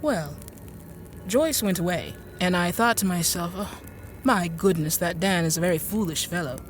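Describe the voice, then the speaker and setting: With a fairly low voice and light acting, a woman performs an audio drama role at a normal pace as soft music plays underneath. Her character, a fussy, genteel lady, confides a dark story in first-person narration, politely hesitant and rambling.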